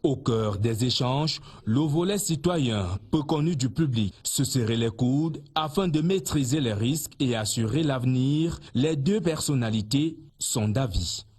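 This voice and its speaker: A male reporter reads a formal news script over pictures. His voice is slightly husky. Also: mid-range voice, animated, measured pace, hardly any pauses, darkish tone. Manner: formal reading.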